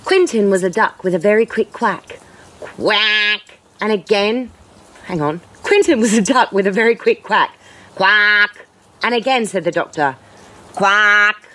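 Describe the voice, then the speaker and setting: A woman reading a children's picture book aloud in a lively, playful way. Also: medium pitch, fairly quick. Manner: lively, playful, occasional laughs. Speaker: storyteller.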